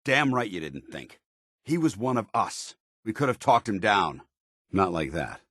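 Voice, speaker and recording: A man playing a stern, loyal military paladin officer in a video game, with a deep, gravelly voice and a clipped, formal delivery. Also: sing-song, measured pace, a bit bright, no room sound, studio quality, full character voice. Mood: angry, reproachful. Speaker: video game companion character. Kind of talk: scripted video game dialogue.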